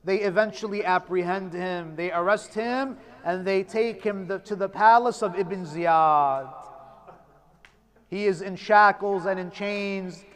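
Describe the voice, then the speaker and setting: A man preaching a mournful storytelling sermon, dramatic, dropping to a hush at sad moments and breaking into chanted lament. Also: high voice, a little slow.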